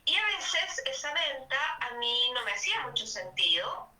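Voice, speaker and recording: A woman's voice: high voice, big pitch swings, measured pace, sharp tone. A young woman from Bolivia, a guest in a casual interview, talking reflectively in long flowing sentences with restarts. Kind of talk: casual conversation. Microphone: video call. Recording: echoey, distant phone line.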